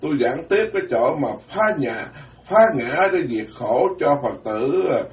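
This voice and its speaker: This Buddhist monk has a mid-range, animated voice and speaks with plain-spoken bluntness in his dharma talk. Quick asides alternate with slow, weighty lines, and the recording is roomy with a far-off mic.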